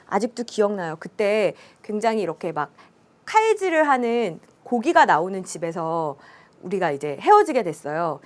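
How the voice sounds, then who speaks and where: A woman English teacher giving a grammar lecture, talking in a lively way and asking her class rhetorical questions. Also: fairly high pitch.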